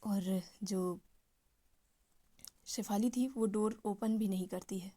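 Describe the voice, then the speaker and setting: Mellow chatty woman storyteller. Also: medium pitch, slow pace. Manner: chatty, often drops to a soft near-whisper. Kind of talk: casual storytelling narration.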